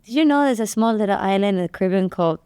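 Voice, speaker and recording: A woman who grew up in Malaysia, an advocate for youth entrepreneurship, appears as a guest on a casual panel chat, telling stories in a chatty, animated way and acting out the exchanges she quotes. Her mid-range voice is very fast and clean, recorded in a studio with no room sound.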